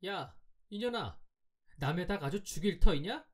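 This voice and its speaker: A man playing an indignant shouting farm boy. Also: sits high, animated, unhurried, breathy edge, pitched above the performer's own voice, full character voice. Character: hot-tempered teenage farm boy shouting.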